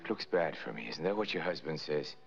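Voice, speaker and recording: An actor playing a wary, bitter accused man in an old noir film, terse, sceptical and hushed. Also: very deep voice, lively intonation, fairly quick, creaky, exaggerated voice. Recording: muffled old film soundtrack.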